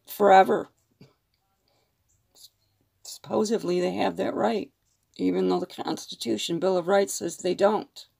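Raspy-gravelly lady vlogger going hoarse, talks slow, blunt and rambly. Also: fairly low pitch, a little mellow. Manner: frank, rambling, opinionated, with mild swearing. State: losing her voice. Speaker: nail art vlogger. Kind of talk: casual talk to camera.

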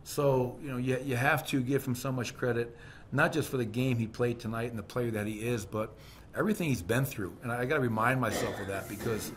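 Seated at a table in the team press room, a middle-aged basketball head coach answers reporters after the game through a stand-mounted desk mic. His medium-pitched voice is steady and brisk, full of fillers and restarts as he talks frankly. Slight background noise is present.

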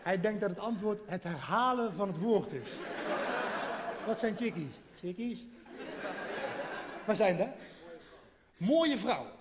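A high-voiced man works the crowd as a stand-up comedian, teasing people in deadpan fashion. His voice rings through a large hall with a long echo. Audience laughter and noise sit behind him. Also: slow, long pauses. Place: theater stage with live audience.

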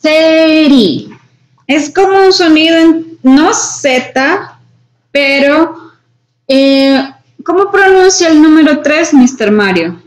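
High-voiced lady teacher counting super slow for the class, patient and clear. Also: lively intonation, reverberant, low-quality recording. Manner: patient, counts each number out slowly and clearly. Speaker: English teacher. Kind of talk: slow counting drill with explanations.

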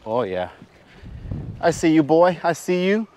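A man's voice: on the high side, a little slow. A man narrating a casual fishing vlog from a small boat, whooping and chatting to his viewers. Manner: excited hollering when fish bite. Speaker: fishing vlogger. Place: small boat out on open bay water. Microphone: action camera worn on the body. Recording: outdoor camera audio with wind noise. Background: wind and water.

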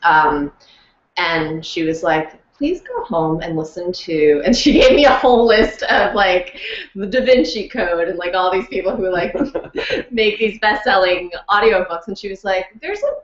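A woman actor and audiobook narrator telling a story in a casual, animated chat, laughing often. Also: medium pitch, measured pace. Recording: roomy, dull lo-fi sound.

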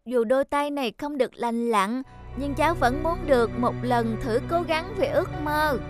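Cartoon: woman as a high-pitched, eager young grandchild, pleading, with loud music under. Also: normal speed, natural voice. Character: hopeful young grandchild with injured hands. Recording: loud children's music behind.

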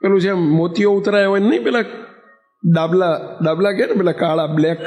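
A man's voice: high-pitched, fairly even intonation, fairly quick, darkish tone. A man, a monk, preaching by telling a true story vividly and acting out the dialogue. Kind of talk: sermon storytelling.

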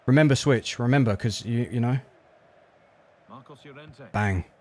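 A man giving live commentary on his own football video game match, excitable, jumping from low groans to loud yelps. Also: a little slow. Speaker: gaming YouTuber.

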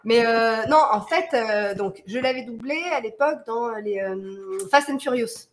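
A woman's voice: on the high side, unhurried, slight background noise. A woman, a dubbing actress, chatting casually as a guest on a live stream, hesitant and full of fillers.

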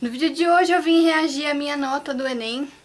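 A young woman from Brazil vlogging casually, nervous and excitable, her voice trembling as she exclaims often. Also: high voice, brisk. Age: young adult. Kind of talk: casual vlog reacting to exam results.

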